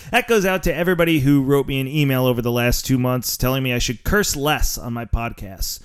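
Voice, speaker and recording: A man's voice: medium pitch, brisk, few pauses, clean tone. A man with a Philadelphia accent hosting a podcast in a brash, sarcastic, profane monologue, laughing at his own jokes. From Philadelphia area. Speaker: podcast host.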